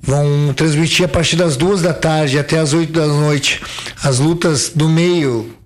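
A man's voice: fairly high pitch, steady tone, unhurried. A man from southern Brazil, an event organizer being interviewed on local radio, rambling with restarts and fillers. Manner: rambling, repeats words, many fillers.

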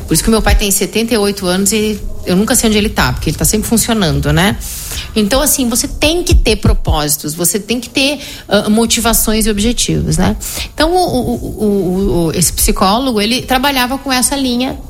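A middle-aged woman psychologist, explaining her method in an animated conversational interview, often tagging her sentences with "né?". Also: mid-range voice, a little fast, slight background noise. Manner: explanatory, animated, frequent "né?" tag questions.

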